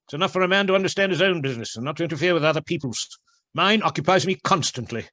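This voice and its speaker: A man's voice: fairly high pitch, lively intonation, racing, sharp tone, dry recording. An actor playing a curt, scornful, miserly old businessman in a radio play. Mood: cold, curt.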